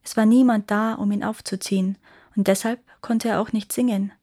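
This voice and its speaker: A woman reading a fairy tale aloud as a storyteller, expressive and sinking into hushed tones at quiet moments. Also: mid-range voice, moderate pace.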